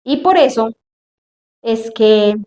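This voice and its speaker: A woman's voice: a little high, lively intonation, slow, mellow. A woman preaching a sermon to a congregation, emphatic and drawn out, with questions thrown to the listeners. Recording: echoey room, faint noise.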